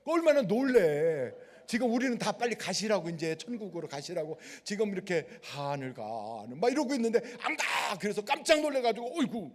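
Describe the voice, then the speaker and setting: A male pastor preaching a sermon and telling stories vividly, acting out the people in them, in a large worship hall. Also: sits high. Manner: animated storytelling, acting out the people in his story. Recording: long hall reverb.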